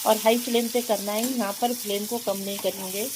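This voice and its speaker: Chatty Hyderabadi home cook, kitchen noise. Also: female voice, mid-range voice, steady tone, a little fast. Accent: Hyderabadi Hindi-Urdu. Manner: chatty, explains each step with repeated words. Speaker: home cooking vlogger. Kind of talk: casual cooking voice-over. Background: frying and sizzling.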